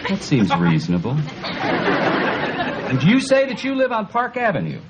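A man's voice: high voice, wildly swooping pitch, unhurried, over a noisy crowd, heavy background noise, exaggerated voice. A middle-aged man playing a bemused, patient office supervisor in a television sitcom, with a dry, questioning manner. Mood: amused, dry. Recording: muffled TV soundtrack, loud studio audience.

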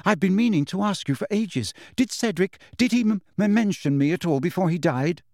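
Guy doing a stammery weepy teen girl in a storybook reading, way higher than his own voice. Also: animated, a little fast, darkish tone, no echo, clean studio sound. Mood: tearful. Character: tearful teenage girl, jealous and hurt.

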